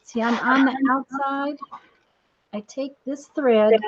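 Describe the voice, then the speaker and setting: Female craft tutorial host, slightly high voice, folksy and apologetic, heavy echo, muffled lo-fi audio. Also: steady tone, takes it slowly. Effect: strong distracting echo on the voice. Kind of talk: casual live craft demonstration. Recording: dull lo-fi sound with bad echo.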